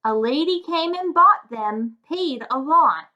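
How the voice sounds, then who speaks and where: A woman who reads stories to children and tutors them recites a rhyming fairy tale in a sing-song voice, often turning to ask her young listeners questions. Her high voice is lively, slow, bright, and pushed. The recording sounds muffled.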